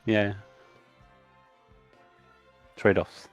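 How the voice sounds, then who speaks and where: A tired man who has been up all night, a guest on a live stream, talking shop in a halting way with many fillers and restarts. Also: soft background music. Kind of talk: casual technical chat.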